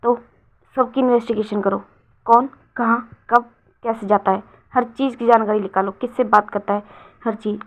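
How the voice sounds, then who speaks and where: A woman voicing a cold, bitter young man who is a protective parent, speaking in low, clipped orders. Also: fairly even intonation, moderate pace, poor audio.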